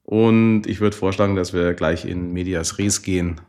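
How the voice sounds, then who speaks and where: A man with a low voice hosting a podcast interview. He asks his questions in a friendly, encouraging and slightly formal way. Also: steady tone, moderate pace, darkish tone. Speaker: podcast host.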